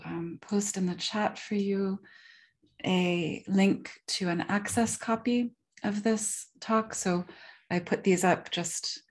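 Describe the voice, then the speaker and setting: A woman gives a guest lecture over a video call, speaking slowly and deliberately. Her voice sits on the low side. She sounds careful and considerate of her audience. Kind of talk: online academic lecture.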